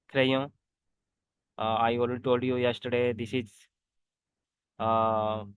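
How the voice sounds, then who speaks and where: Slow man teaching French. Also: mid-range voice, smooth, dry recording. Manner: slow, repetitive teaching, mixing English and Hindi. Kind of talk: online language lesson.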